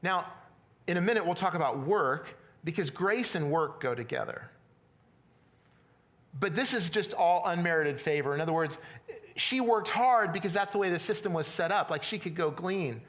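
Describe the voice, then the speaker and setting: Middle-aged pastor guy preaching, chatty, stumbles and repeats, voice sits a bit high. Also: expressive, moderate pace, fairly bright tone. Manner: conversational, repeats words and restarts. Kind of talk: sermon.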